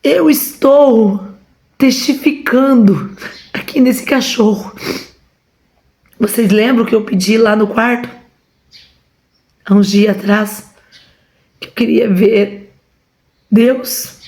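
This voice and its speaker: A woman's voice: on the high side, steady tone, takes it slowly, pauses often, darkish tone. A woman with a Brazilian Portuguese accent giving a fervent testimony from home, repeatedly calling her listeners brothers. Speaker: preacher. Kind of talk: emotional testimony to a congregation.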